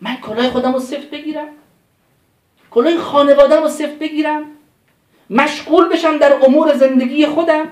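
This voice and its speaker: A man's voice: extremely high pitch, fairly even intonation, long pauses. A man preaching a religious sermon, impassioned, pleading with rhetorical questions and reciting verses in Arabic. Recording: roomy echo.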